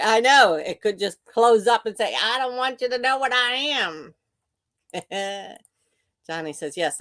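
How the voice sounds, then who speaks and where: A woman's voice: medium pitch, fairly bright tone, no room sound. An older woman hosting a casual livestream, chatting with viewers and reading their comments aloud with frequent laughs. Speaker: livestream host.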